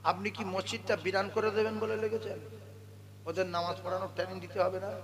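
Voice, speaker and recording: A man giving a humorous sermon as a preacher, scolding the crowd in quick asides and breaking into chanted song. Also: high voice, flat delivery.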